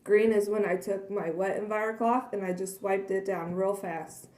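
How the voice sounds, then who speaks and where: A woman runs through a casual cleaning demo in her kitchen at home, earnest and chatty with plenty of fillers. Her medium-pitched voice is soft, mellow, and steady at a moderate pace, though slightly hoarse as it fades, and she often coughs and clears her throat. The room echoes.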